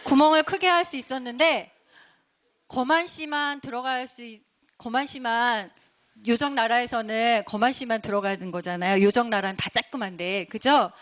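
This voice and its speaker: High-voiced woman telling children a story. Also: moderate pace. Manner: animated, asking the children questions. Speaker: deacon.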